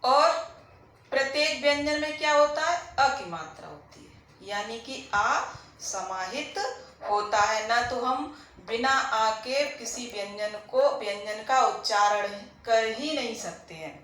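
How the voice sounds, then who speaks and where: Slow, high-voiced woman teacher in an echoey room. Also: lively intonation, a bit bright. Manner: asks questions and answers them herself, repeats key points. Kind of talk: Hindi grammar lesson. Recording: very echoey room, faint background noise.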